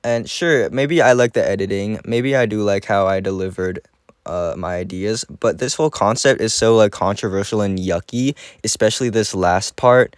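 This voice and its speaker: A young man talks through his old video in a rambling, self-mocking way. His voice is smooth and clean, and the room is dry and close, with no echo. His pitch sits fairly low. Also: moderate pace. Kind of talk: casual commentary. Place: room at home.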